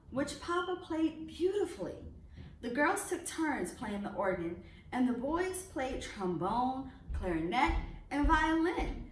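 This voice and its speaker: A woman reads a children's picture book aloud in a high, very lively voice with wide rises and falls, emphasizing phrases deliberately and expressively. The recording is roomy and echoey, with a distant mic and faint noise.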